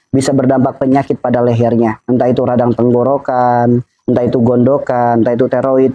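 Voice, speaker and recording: A man's voice: medium pitch, muffled recording. A middle-aged man giving religious health advice to viewers, with a preachy, repetitive delivery and frequent laughs between points. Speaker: Islamic health advice speaker. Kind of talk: religious advice talk answering questions.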